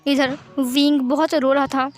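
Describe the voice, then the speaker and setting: A woman's voice: sits high, flat delivery, unhurried. A woman narrating a fan fiction story in a plain storytelling manner. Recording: faint background music.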